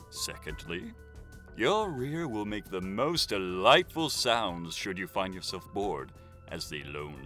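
A man's voice: sits low, full character voice. A man playing an eccentric, lonely survivor who hosts his own radio show, speaking in a theatrical, flowery, mock-formal way. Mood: salesy. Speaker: lone radio broadcaster. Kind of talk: audio drama monologue.

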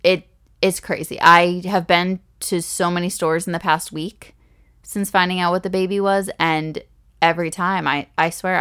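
A young woman hosting her own podcast, pregnant and chatting on her own in a gushing, easygoing way. Her voice sits a little low for a woman. She restarts her sentences often and laughs softly as she talks. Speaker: podcast host. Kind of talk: casual solo podcast talk.

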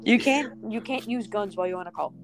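A woman's voice: medium pitch, quick pace, background noise. A woman narrating as dungeon master, often stopping and restarting her lines. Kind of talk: narrating a tabletop game.

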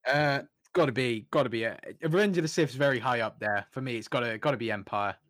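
A man's voice: mid-range voice, fast talker, a bit bright, dry recording. Jokey young man hosting a podcast, dry sound. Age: young adult. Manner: jokey, teasing. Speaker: podcast host. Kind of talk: casual podcast banter.

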